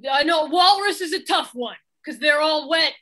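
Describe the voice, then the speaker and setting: A woman improviser playing a brash, pushy boxing trainer who gives loud pep talks in a comedy scene. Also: high-pitched, moderate pace. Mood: encouraging. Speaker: improv performer.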